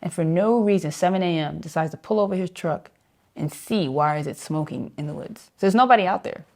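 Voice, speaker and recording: A woman's voice: fairly low pitch, a little fast, a little mellow. A woman saxophonist being interviewed, telling a story vividly and acting out the voices of people she quotes. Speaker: jazz saxophonist guest.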